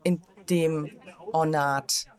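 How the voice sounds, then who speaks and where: A woman's voice: low voice, steady tone, extremely slow. A woman co-hosting an informal, casual conversation with guests. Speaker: co-host. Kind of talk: casual chat.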